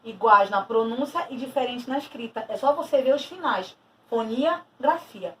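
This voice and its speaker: A woman's voice: a little high, lively intonation, moderate pace, fairly bright tone. Woman teacher, distant mic. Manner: explanatory, repeats key terms with stressed emphasis. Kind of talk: recorded video lesson. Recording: distant mic with faint noise.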